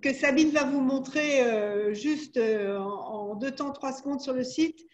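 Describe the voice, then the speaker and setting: A woman's voice: high voice, measured pace, muffled recording. A woman presenting educational games in a webinar, patiently walking through the rules step by step over a video call. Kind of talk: explaining a product webinar.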